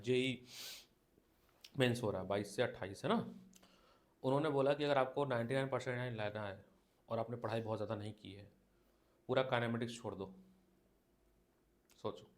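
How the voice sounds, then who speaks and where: Male teacher dictating a lecture. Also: medium pitch. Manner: dictates slowly, repeats phrases, coaches students directly. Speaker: physics teacher. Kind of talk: classroom lecture. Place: classroom.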